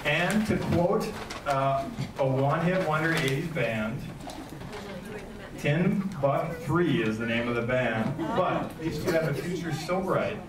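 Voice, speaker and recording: A man's voice: a little high, slow. A man giving an informal wedding toast speech in a joking, teasing way, recorded from far off. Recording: echoey far-off mic, very noisy crowd.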